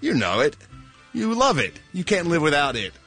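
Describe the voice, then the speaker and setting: A man working as a radio entertainment reporter, chatting casually with halting, repeated words for comic emphasis. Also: on the high side, wildly swooping pitch, over loud music. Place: radio studio.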